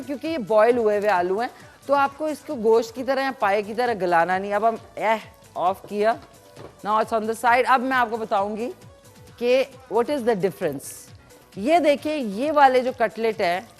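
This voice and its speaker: A woman hosting a live cooking show in a Pakistani Urdu accent, chatting with callers and explaining each step as she cooks. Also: a little high. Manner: chatty, demonstrative, explains recipes while cooking.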